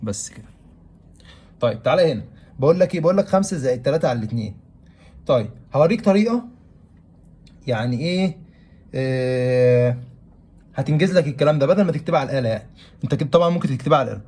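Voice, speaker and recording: A man's voice: medium pitch, expressive, racing, long pauses, mellow, husky. A man with an Egyptian Arabic accent teaching a math lesson, who keeps asking questions aloud and answering them himself. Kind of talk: classroom-style math lesson.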